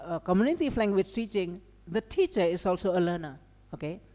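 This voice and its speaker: A woman's fairly low, dark voice carries an Indonesian accent through an academic lecture heard with long hall reverb. She's a seminar speaker and language educator who speaks conversationally, making informal asides and often checking in with "okay" and "right."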